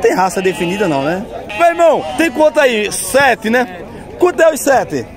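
Guy filming at a goat market, high voice, chatty upbeat, busy crowd all around. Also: very animated, normal speed. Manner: chatty, upbeat, asks prices and repeats them. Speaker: vlogger touring a livestock market. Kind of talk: casual walk-around vlog with interviews. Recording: loud market crowd behind.

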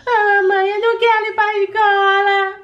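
A woman's voice: very high voice, little pitch movement, moderate pace, lo-fi sound, pitched above the performer's own voice. A woman voicing a sad, stubborn little doll girl who talks in a whiny, pleading way, for a doll play story.

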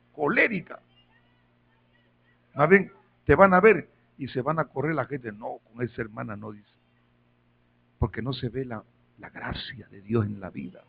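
A man preaching in a church, his voice pitched a little high with a gravelly edge. He tells stories in low asides, then climbs to loud calls for praise. The recording is muffled and lo-fi. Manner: storytelling, swings from quiet asides to shouted praise calls. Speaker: pastor. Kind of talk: sermon.

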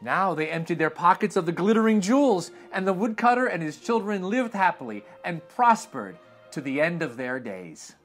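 This time his pitch is high and his pace moderate, with soft background music. The young host reads the storybook aloud to kids in a living room with a sofa, staying animated and expressive with dramatic shifts in tone.

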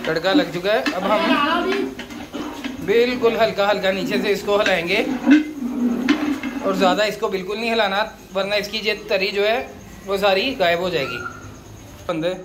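A man hosting a cooking channel, calmly explaining each step of a big-pot recipe as he works in an outdoor courtyard. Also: sits high, normal speed, pauses often. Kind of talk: cooking demonstration narration. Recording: noisy outdoor recording.

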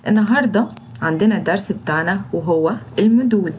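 A young woman teacher with an Egyptian Arabic accent, giving an online lesson to young children and slowly drawing out the sounds of letters and words. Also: medium pitch, slight background noise. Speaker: kindergarten teacher.

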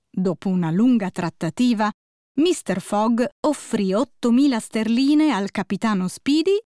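A woman narrating a musical tale for concert band in a clear, measured storytelling voice. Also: medium pitch, a little mellow, dry recording, studio quality. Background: faint concert band music.

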